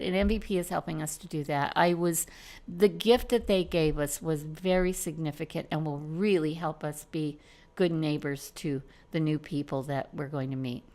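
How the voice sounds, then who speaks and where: A woman giving an unscripted interview testimonial in an earnest way, often pausing to search for her words. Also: fairly low pitch. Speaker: theater arts leader.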